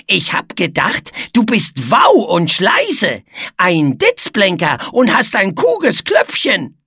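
A woman's voice: medium pitch, wildly swooping pitch, slow, fairly bright tone, husky, no room sound, studio quality, voice pushed up, heavily acted. A woman voicing a grumpy male bug who growls and garbles his words in a storybook reading. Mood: mocking.

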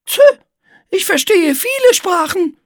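A woman's voice: extremely high pitch, big pitch swings, unhurried, no room sound, clean studio sound, voice pushed up, exaggerated voice. A woman voicing a prim, easily offended young female spider in a storybook reading.

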